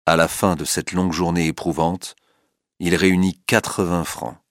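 A man narrating a story in an expressive, dramatic reading style. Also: low voice, normal speed, dry recording, studio quality.

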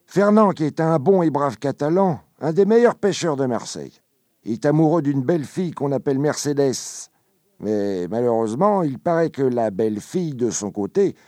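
A man voicing a drunk, loud and jovial tavern friend with a thick, slurred voice. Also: fairly high pitch, lively intonation, normal speed, no echo, clean studio sound, pitched above the performer's own voice, natural voice. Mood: boisterous.

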